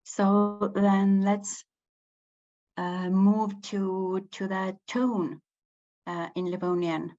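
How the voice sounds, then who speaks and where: A woman's voice: medium pitch, little pitch movement, extremely slow, dark tone, dull audio. A woman with an Estonian accent, a native Estonian speaker, giving an unscripted language lecture, hesitant, with many fillers and restarts. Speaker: language teacher.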